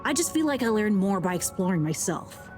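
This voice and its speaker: A woman plays a curious, mischievous schoolboy explorer in a video game. The kid is casual and cheeky, a little world-weary and conspiratorial. Music plays clearly behind the voice. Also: mid-range voice, very animated, a little fast, a little mellow, lightly acted. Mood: pensive. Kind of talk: video game character dialogue.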